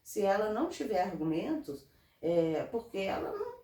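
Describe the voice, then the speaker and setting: A woman from Brazil, a guest in an interview, giving earnest, animated advice in casual talk. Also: mid-range voice, moderate pace. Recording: roomy, from a distance off mic.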